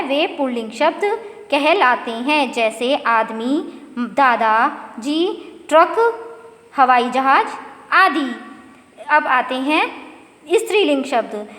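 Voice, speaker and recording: A woman teacher giving a grammar lesson to children, reading out example words slowly and carefully for pronunciation practice. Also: sits high, echoey room, in a large hall. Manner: slow, careful word-by-word pronunciation drill.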